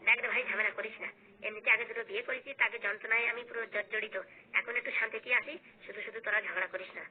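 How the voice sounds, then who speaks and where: A woman's voice: on the high side, steady tone, rapid-fire, natural voice. A woman voicing a tired older brother who pleads for peace in a comedy skit. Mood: weary pleading. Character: elder brother Hagu-da, older man, weary peacemaker. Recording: phone-like narrow sound.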